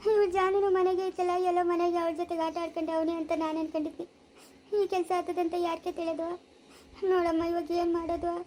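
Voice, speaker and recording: A woman playing a soft-spoken village mother who consoles her daughter, in a rural Chikkaballapura Kannada accent. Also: very high voice, little pitch movement, fast, a little hiss or hum. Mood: consoling. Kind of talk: amateur family drama acting.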